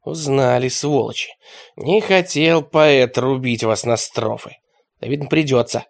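A man's voice: medium pitch, a little slow, gravelly. A man voicing a grumbling, sardonic companion, in a storybook reading.

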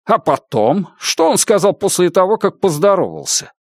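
A man voicing a pushy male lawyer who presses with sharp, needling questions. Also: high voice, very animated, normal speed, no room sound, studio quality, pitched above the performer's own voice, full character voice.

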